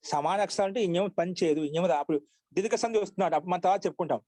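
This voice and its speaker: A man teaches a grammar class in a patient, repetitive way. His voice sits a little high. He keeps checking that his students follow. The sound is dry and close. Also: warm tone, no echo. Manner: patient, repeats each example slowly; asks students for confirmation often. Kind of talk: online class lecture.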